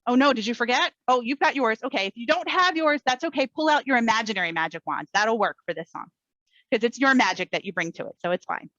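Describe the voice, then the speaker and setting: Bright high-voiced woman leading story time. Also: expressive, fast talker, no room sound. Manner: cheerful, coaxing, talks straight to small children. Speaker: children's librarian. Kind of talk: children's story time lesson. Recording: dull, muffled recording.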